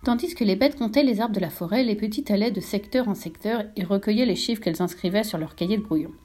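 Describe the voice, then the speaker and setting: Brief: woman narrator, storybook reading, soft mellow tone, mid pitch. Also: fast talker.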